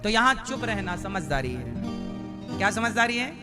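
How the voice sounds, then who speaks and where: A man's voice: high-pitched, very animated, moderate pace, over music. A man preaching a live devotional sermon, repeating his points with emphasis and asking the crowd rhetorical questions that they answer aloud. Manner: repetitive, emphatic teaching cadence. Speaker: preacher giving a religious discourse.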